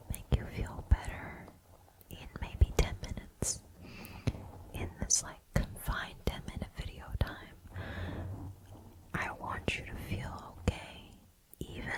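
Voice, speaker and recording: A woman giving a gentle, reassuring pep talk in an ASMR whisper, close to the microphone. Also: low-quality recording. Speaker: ASMR host.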